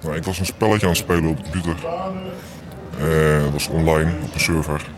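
A young man in his twenties, his voice disguised with an effect that makes it sound very deep. He talks hesitantly with many fillers. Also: steady tone, fairly quick, a crowd in the background. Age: 20s. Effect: voice disguised by pitching it down to sound very deep. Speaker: interviewed hacker. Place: small café.

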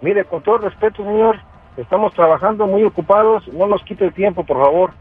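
A man answering a work phone in a courteous, customer-service tone, holding firm when pushed. His voice is high and fast. The call sounds muffled, with music playing clearly underneath. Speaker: prank call target, butcher shop worker.

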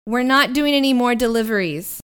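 A woman voicing an exasperated delivery clerk whose loud voice comes out of a speaker, scolding. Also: a little high, a little fast, clear, resonant tone, voice pushed up. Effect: loud voice blaring from a speaker. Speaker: game master.

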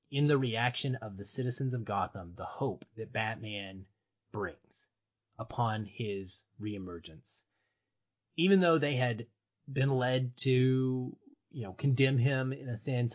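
A man's voice: mid-range voice, dull audio. A man co-hosting a podcast, talking through a film in casual, enthusiastic analysis with earnest emphasis and frequent digressions. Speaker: podcast co-host.

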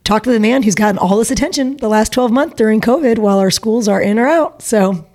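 A woman's voice: on the high side, fast, dark tone. A woman co-hosting a local podcast, playful and teasing, often laughing. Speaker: podcast co-host. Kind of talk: casual interview.

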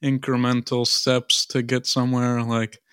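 A man's voice: mid-range voice, monotone, measured pace, a bit bright, clean tone, dry recording, studio quality. A young man co-hosting a podcast, chatting casually in a millennial way peppered with "like". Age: young adult. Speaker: podcast co-host. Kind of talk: casual chat.

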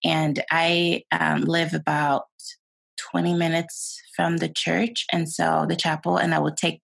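A woman's voice: low-pitched, creaky. A young woman from Sweden, a guest chatting casually on a video call, laughing often and full of fillers. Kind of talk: casual interview chat.

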